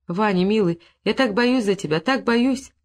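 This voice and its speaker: A woman's voice: medium pitch, normal speed, a little mellow, voice pushed up, close to an everyday voice. A reader voicing Dasha, a young village woman, anxious and loving, who pleads and frets. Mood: fearful. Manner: pleading, tearful, then frightened.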